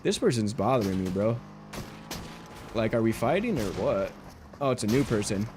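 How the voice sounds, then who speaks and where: A man's voice: lowish voice, expressive, normal speed, over music. A man livestreaming, chatting casually with viewers while gaming, laid-back and rambling with lots of fillers, heard through a livestream headset mic. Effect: livestream headset mic audio. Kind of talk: casual gameplay chat with viewers.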